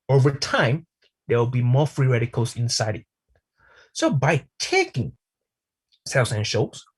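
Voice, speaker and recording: A man's voice: medium pitch, slightly rough. A man giving a live online product training, chatty and speaking to the viewers as friends.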